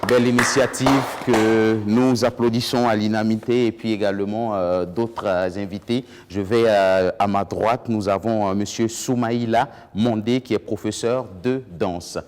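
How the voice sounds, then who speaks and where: A man with a Burkinabè accent hosting a studio debate, introducing guests in a hesitant, drawn-out way. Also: lowish voice, steady tone, in a large hall, slight background noise. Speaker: talk show host.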